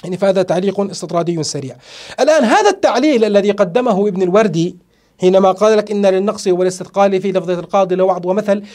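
Male sheikh, high voice, rapid lecturing delivery that stretches and repeats key phrases. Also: darkish tone. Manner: slows and stretches words to stress verse lines, repeats key phrases. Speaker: sheikh teaching a classical poem. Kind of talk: explanatory lecture on grammar and verse.

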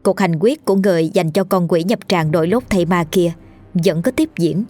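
A woman with a Southern Vietnamese accent narrating a ghost story in a lively, colloquial storytelling manner. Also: fairly low pitch, brisk, no echo, faint music behind.

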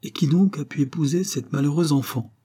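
A man's voice: fairly high pitch, fairly quick, dark tone, husky, pitched above the performer's own voice. A man reading an anxious, sorrowful noble mother in an audiobook, in a sighing, lamenting way.

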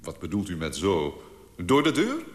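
A man's voice: low voice, wildly swooping pitch, moderate pace, roomy sound, long reverb tail. An actor in a radio drama playing a persistent male doctor who keeps probing with questions. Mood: insistent.

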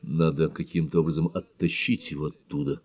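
A man voicing a frightened, fretful passenger who speaks anxiously and quietly, in a dry, dull audiobook recording. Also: sits low, normal speed, creaky, no room sound. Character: frightened, fretful middle-aged male passenger.

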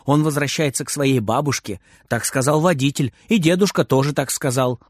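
A man reading a children's story aloud in an expressive narrating voice. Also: medium pitch, moderate pace, no room sound, studio quality.

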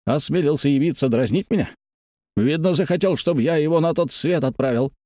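A man's voice: a little high, fairly quick, mellow, no echo, studio quality, pitched above the performer's own voice, natural voice. A man voicing a domineering, arrogant landowner who threatens and gives orders. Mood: angry. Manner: blustering, threatening.

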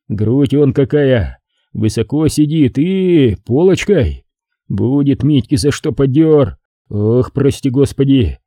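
A man giving scripted audiobook narration, telling the story expressively with measured pauses. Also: medium pitch, dark tone, dry recording, studio quality.

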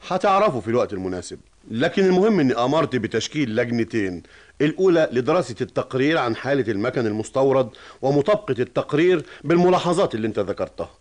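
A man's voice: mid-range voice, darkish tone, close to an everyday voice. A man playing a stern probing director. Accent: Egyptian Arabic. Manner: questioning, authoritative. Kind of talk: radio drama acting.

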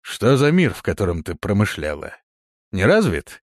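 A man voicing a swaggering, brutish deputy sheriff who talks down to newcomers in a loud, leering way. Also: fairly low pitch, big pitch swings, moderate pace, dry recording, studio quality.

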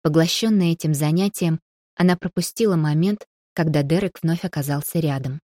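A woman narrating a novel in a measured storytelling manner. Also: low-pitched, mellow, no echo, studio quality. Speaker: audiobook narrator. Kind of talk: scripted narration.

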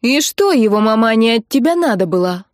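Brief: brash excitable young woman , voiced by a female narrator, high and loud, teasing and impatient, dry audiobook read. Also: normal speed, no room sound. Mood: brash excited.

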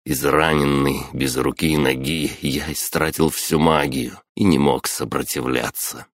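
A man reading a first-person fantasy audiobook in a grave, measured storytelling manner. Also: very deep voice, gravelly, no room sound, studio quality. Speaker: audiobook narrator.

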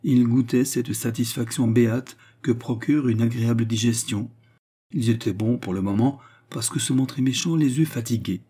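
Husky, dark-voiced male narrator. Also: mid-range voice, normal speed. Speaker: audiobook narrator. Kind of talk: literary audiobook narration.

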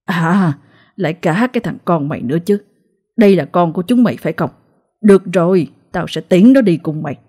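A cruel, cold-blooded husband snarling his threats, as a woman narrator puts him on. The voice sits low and dark, sneering between words. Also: animated, brisk, slightly rough. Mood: vicious sneering.

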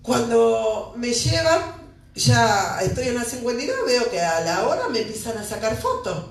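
A woman's voice: a little high, big pitch swings, normal speed, vocal fry. A middle-aged woman with a Buenos Aires accent giving emotional personal testimony at a press conference, full of rhetorical questions. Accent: Buenos Aires Spanish. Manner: impassioned, with repeated rhetorical questions. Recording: echoey room, mic far off.

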